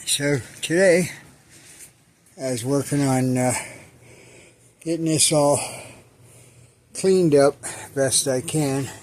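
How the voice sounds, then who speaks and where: A man chatting casually in a DIY vlog about restoring his jeep, relaxed and rambling with many pauses, out in his garage. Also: fairly high pitch. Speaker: hobbyist vlogger restoring a jeep. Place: outdoor garage work area.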